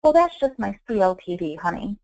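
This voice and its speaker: A woman's voice: medium pitch, big pitch swings, fairly quick, darkish tone, dry recording, dull audio. A woman voicing a chatty elderly female client on the phone, folksy and breezy, calling everyone honey.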